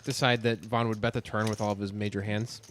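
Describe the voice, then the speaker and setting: Quick-talking dude breaking down poker hands, dry and matter-of-fact. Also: male voice, lowish voice, little pitch movement, a bit bright, a little hiss or hum. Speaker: poker co-commentator. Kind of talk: casual analytical commentary.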